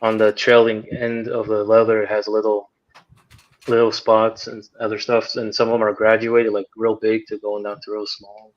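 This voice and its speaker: A man's voice: on the low side, moderate pace. A man guest chatting casually and hesitantly on a stream, with plenty of fillers. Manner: relaxed, hesitant, lots of fillers. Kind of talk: casual chat. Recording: muffled lo-fi call audio.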